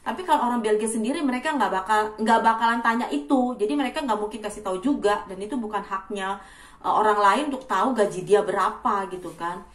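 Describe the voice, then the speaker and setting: A woman in her thirties in casual vlog chat, acting out loud greetings. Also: mid-range voice, quick pace, reverberant, recorded from a distance. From Indonesia. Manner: chatty, acts out loud greetings. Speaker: vlogger.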